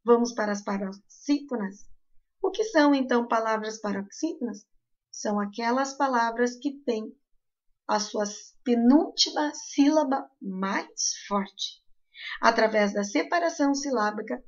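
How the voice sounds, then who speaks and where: Southern brazilian lady teacher going slow, kinda high voice, dull lo-fi audio. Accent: southern Brazilian Portuguese. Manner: slow, careful explanation. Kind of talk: recorded grammar lesson.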